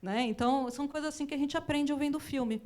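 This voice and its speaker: A woman's voice: high-pitched, fast talker, darkish tone. A woman, an English teacher guest on a TV talk show, explaining patiently and often checking with "né?". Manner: explanatory, often adds tag "né?".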